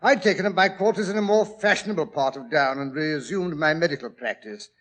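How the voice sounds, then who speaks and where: An actor playing a genial, chatty English doctor telling old detective adventures in 1940s radio drama style. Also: male voice, a little high, a little fast. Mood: wistful, reflective. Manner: chatty, old-fashioned gentlemanly, expressive.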